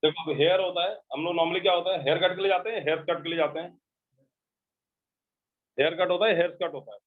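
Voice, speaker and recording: A man's voice: a little high, a little fast. A man teaching an English grammar class with an Indian English accent, explaining by repeating points and checking that students understand. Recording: tinny phone-like recording.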